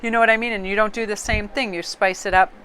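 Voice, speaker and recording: A woman's voice: mid-range voice, fairly even intonation, fast talker, fairly bright tone, clear, resonant tone. A woman casually reading tarot cards aloud, chatty and rambling, often breaking into laughter. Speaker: tarot card reader.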